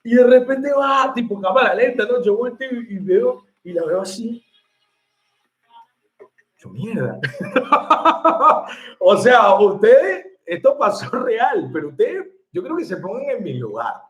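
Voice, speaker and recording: A man who works as a bartender, telling a story to his viewers in an animated, chatty way and laughing along. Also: sits high, moderate pace, hardly any pauses. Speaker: bartender and online mixology teacher. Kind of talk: casual storytelling to camera.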